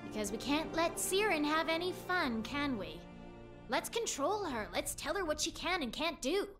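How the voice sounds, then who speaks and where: An actress voicing a mocking, charismatic young sorceress in a video game, with a teasing, sarcastic way of talking. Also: female voice, high-pitched, sing-song, moderate pace, music in the background.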